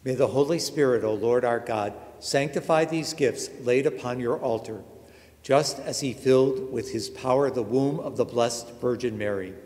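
A man, a priest, reciting the prayers of Mass in a measured, solemn way, his voice ringing with a cathedral echo. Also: mid-range voice, darkish tone. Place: large church. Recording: long cathedral reverb.

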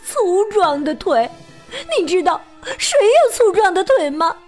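A woman's voice: extremely high pitch, very animated, a little slow, soft background music, voice pushed up, exaggerated voice. A woman voicing a fragile female hippo in a storybook, who sobs and wails her hurt complaints. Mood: sobbing, wounded. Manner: sobbing, wailing complaints.

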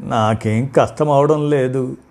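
A man voicing a frail elderly father who speaks gently and wearily. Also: medium pitch. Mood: weary. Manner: tired, soft-spoken, slow.

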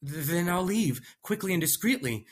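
A man's voice: a little high, big pitch swings, moderate pace, breathy edge, voice pushed up. Man playing a nervous guy, stammering, pleading, raised tight voice, audiobook. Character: nervous male trespasser pleading.

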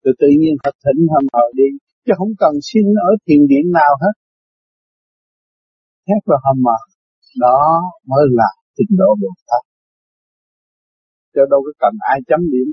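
An older man gives a chatty, story-filled dharma talk, laughing often. His voice sits fairly high and a little husky. The recording is dull and lo-fi, dry and close. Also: lively intonation, moderate pace, pauses often, dry recording. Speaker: spiritual teacher.

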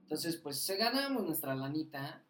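A man's voice: fairly high pitch, normal speed. Slangy Mexican man telling a story, roomy sound. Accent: Mexican Spanish. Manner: slangy, swearing, animated anecdote with acted quotes. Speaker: podcast guest. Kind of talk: casual storytelling. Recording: roomy echo.

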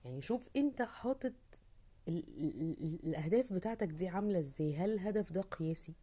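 Woman, Egyptian Arabic accent, podcast host, lowish voice, casual reflective talk. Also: lively intonation, fast talker, warm tone, husky. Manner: conversational, thinks aloud, acts out inner voices.

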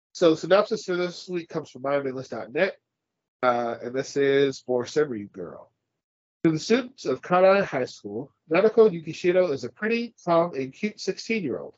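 Chatting casually on a podcast he co-hosts, a congested man from California rambles, swears freely, and laughs often. He has a fairly high, very animated voice at a moderate pace, with no room sound and the highs cut off.

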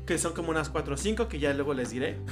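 A man with a Mexican accent co-hosting a podcast in casual chat, playful and quick to burst into shouts and sung snippets. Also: fairly high pitch, animated, over music. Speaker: podcast co-host.

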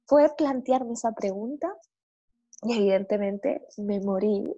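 Husky woman telling a lively story. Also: mid-range voice, unhurried, lo-fi sound. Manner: animated storytelling with sudden cries and laughs. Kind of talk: casual conversation.

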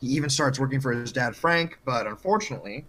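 A man's voice: medium pitch, animated, fast, fairly bright tone. A man co-hosting a podcast, telling a true-crime story in a joking, profane, casual way. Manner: joking, profane, lots of fillers.

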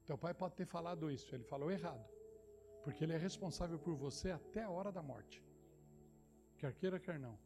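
A middle-aged Brazilian pastor from São Paulo preaching a sermon, moving between quiet, close asides and shouted declarations, repeating phrases straight to the congregation. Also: male voice, a little fast, music in the background. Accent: Brazilian Portuguese, São Paulo. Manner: impassioned preaching that swings from low, intimate asides to shouted declarations.

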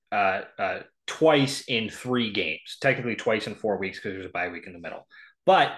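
Hiccuping throughout, a male co-host on a sports podcast chats casually about predictions, firing off statistics and often restarting or saying "um." His voice sits in the mid-range and sounds a bit bright.

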